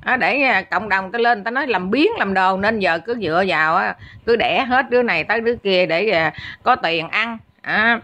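An online commentator, a woman with a medium-pitched, pushed and bright voice, delivers an angry, blunt, scolding rant at a moderate pace. She drops the filler "á" into nearly every phrase.

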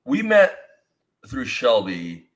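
This podcast host, a man in his thirties, speaks slowly in a mid-range voice while energetically rambling through stories over a video call. He gestures expressively and records from his home studio indoors, in front of a foam-panel wall.

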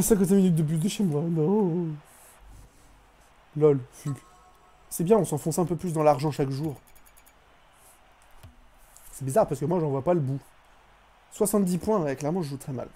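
A man's voice: a little high, moderate pace, pauses often, dark tone, breathy edge. A young man streaming a live game, chatting with his viewers, joking and mocking himself as he plays. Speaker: gaming streamer. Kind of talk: live gameplay commentary.

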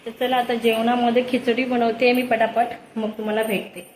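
Chatty high-voiced mom vlogger. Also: female voice, level tone, a little fast, darkish tone. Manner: chatty, talks straight to viewers. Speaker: home vlogger and mother. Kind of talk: casual chatty home vlog narration. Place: home kitchen. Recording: echoey room with faint noise.

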